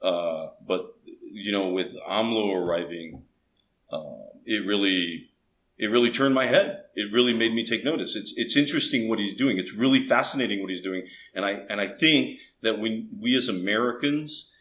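A man with a fairly deep voice, raised on the border between Texas and Mexico, talks as a guest in a relaxed interview. He lays out his views earnestly and thinks aloud. The room around him is echoey, with a faint background hum. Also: normal speed. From Texas–Mexico border region. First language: bilingual English and Spanish. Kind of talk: casual interview.

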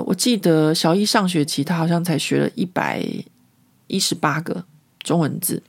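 Taiwanese Mandarin woman host, gravelly voice, chatty and lively storytelling. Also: low voice. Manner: chatty and lively, laughs often. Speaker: podcast host. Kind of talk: casual storytelling monologue.

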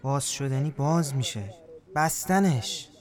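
A man's voice: mid-range voice, expressive, natural voice. A man playing an eerie companion who makes short, obsessively repeated, cryptic remarks in a surreal audio drama.

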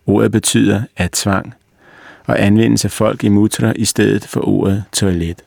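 A man reading a story aloud as narrator, in a steady and measured manner. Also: fairly low pitch, creaky, no echo. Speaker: reader.

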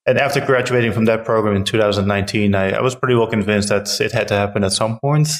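A man's voice: fairly low pitch, fast. A middle-aged man from the Netherlands, a town council member answering interview questions earnestly with frequent fillers and restarts.

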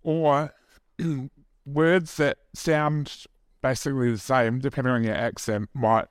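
Speaking slowly in a steady, medium-pitched voice, a New Zealand man delivers an informal church sermon. The recording is dry and studio quality. He pokes fun at himself and keeps up chatty asides with the congregation.

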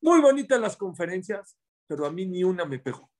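A man's voice: sits high, sing-song, fairly quick, darkish tone. A man voicing a bored adult chocolate factory owner in a told story, with a frank, confessional manner.

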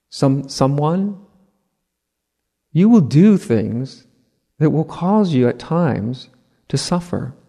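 A man's voice: fairly high pitch, dark tone. Man giving a spiritual talk in a hall. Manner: conversational, frequent "right?" asides, light laughter. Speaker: spiritual teacher. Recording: long hall reverb.

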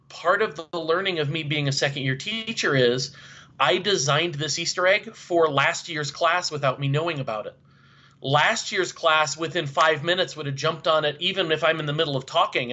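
A male teacher tells a classroom story with a bright, forceful voice, slightly raised in pitch. He acts out the people he quotes. The audio is dull and lo-fi. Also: normal speed. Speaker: second-year teacher, guest. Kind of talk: storytelling in casual conversation.

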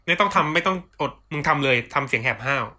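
A young man with a bright, forceful voice hosts a loose chat with friends. He jokes around in crude slang and tacks mock-formal sign-offs onto the ends of his bits. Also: a little high, fast talker. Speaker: podcast host. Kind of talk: casual chat among friends.

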